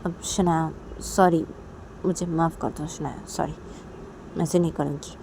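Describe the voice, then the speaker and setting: A woman's voice: sits low, steady tone, measured pace, gravelly, warm tone, slight background noise. A woman voicing a remorseful young woman who apologizes while explaining herself. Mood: apologetic. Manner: apologetic, self-justifying.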